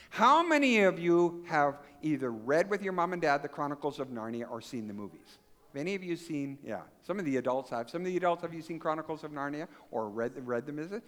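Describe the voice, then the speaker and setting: A man preaching to a congregation of children and adults, telling a story and asking the crowd questions. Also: fairly high pitch. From Canada. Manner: animated storytelling, acts out voices and asks the crowd questions. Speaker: pastor.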